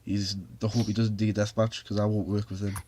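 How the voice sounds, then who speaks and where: A man's voice: on the low side, level tone, fast, warm tone, a little hiss or hum. A man with a Geordie accent, a semi-pro wrestler, talking earnestly in casual chat with many restarts. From Newcastle upon Tyne, England.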